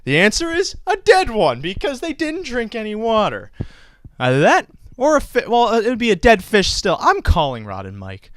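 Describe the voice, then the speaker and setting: Animated high-voiced young man hosting. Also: normal speed. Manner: theatrical, self-mocking, swings into silly voices. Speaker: host. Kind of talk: goofy banter on a racing podcast.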